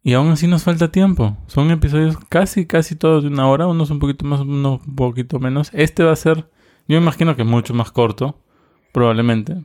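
A man's voice: a little high, fairly quick. A man co-hosting a podcast, chatting casually with jokes and rambling asides. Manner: relaxed, joking, rambling. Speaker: podcast co-host. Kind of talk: casual chat.

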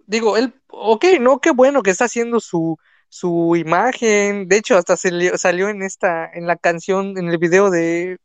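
This young content creator from Mexico has a high, smooth voice and talks at normal speed, with no room sound. Speaking with a Mexican Spanish accent, he chats casually on a live stream and rambles, full of fillers and restarts.

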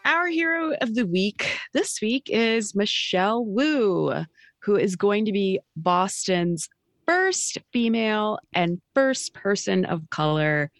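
A woman reporter chatting about politics in a wry, halting way, full of fillers. She speaks slowly in a fairly low voice with a gravelly edge. The sound is dry and close. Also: lively intonation, no echo, soft background music. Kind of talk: casual political chat.

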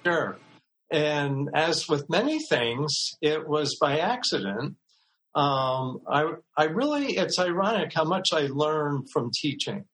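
Older man, podcast guest, storytelling, acts out quotes, slightly high voice. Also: takes it slowly, low-quality recording. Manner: relaxed anecdotal telling, acts out quoted voices. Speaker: guest expert, lawyer and mediator.

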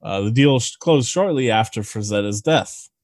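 A man's voice: lowish voice, animated, moderate pace, darkish tone, dry recording, studio quality. A man co-hosting a casual movie podcast, crude and joking, rambling with fillers. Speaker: podcast co-host.

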